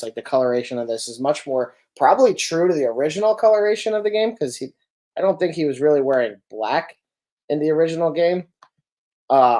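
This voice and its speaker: Reviewing collectible figures on a podcast he co-hosts, a man chats casually with a mid-range, darkish voice. He rambles, correcting himself often, with plenty of ums and likes.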